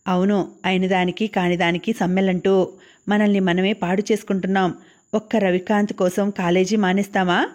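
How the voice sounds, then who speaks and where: A woman reading the lines of a firm, sensible young female student in an audiobook novel, in an even, plain voice. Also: mid-range voice, moderate pace, natural voice.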